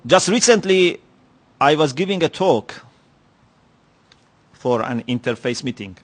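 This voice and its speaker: In a lecture hall, a man with a somewhat high voice and lively intonation delivers a religious lecture. A native Persian speaker, he sounds reflective and measured, pausing often and frequently saying "you know."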